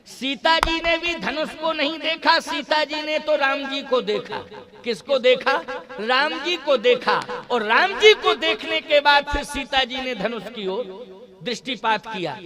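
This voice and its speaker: A man telling a devotional story as a sermon, asking the audience questions. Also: very high-pitched. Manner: lively, rhetorical questions to audience. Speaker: religious storyteller. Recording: live audience laughter.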